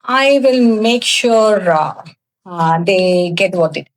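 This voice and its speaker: A woman's voice: medium pitch, animated, takes it slowly. A woman from South India, a native Tamil speaker with a thick South Indian accent, answering interview questions in an earnest, emphatic way. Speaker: interview guest, cosmetics business founder.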